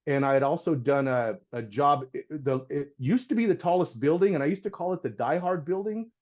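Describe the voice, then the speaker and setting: Brisk and a little high, his voice comes through on dull audio. He's a middle-aged painter guesting on a podcast, animatedly recounting a story in an easygoing manner, playing out each character's voice and dropping "dude" and "man."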